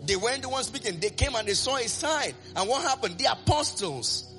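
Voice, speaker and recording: Male preacher, high bright voice, animated sing-song delivery, faint music behind. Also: fairly quick. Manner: animated, call-and-response, sing-song rises. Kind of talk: sermon.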